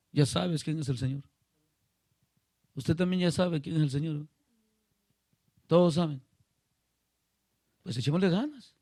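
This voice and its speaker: Guy preaching, kinda high voice, dry close sound, keeps asking folks by name if they get it. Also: darkish tone, no echo. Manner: addresses listeners by name, asks them questions; retells a story acting out voices. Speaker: pastor. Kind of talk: sermon. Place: small congregation meeting.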